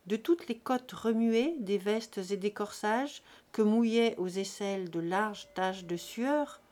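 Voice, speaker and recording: Brief: female audiobook narrator, measured and expressive literary reading. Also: medium pitch. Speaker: audiobook reader. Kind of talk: scripted narration of a classic novel.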